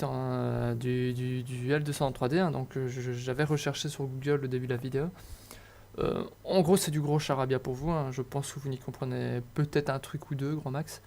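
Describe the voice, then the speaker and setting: A man's voice: mid-range voice, vocal fry, darkish tone. A young man narrates a hobby electronics tutorial over slides. He talks casually, stumbling over fillers and restarts and joking at his own expense. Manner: hesitant, many fillers and restarts, self-mocking asides.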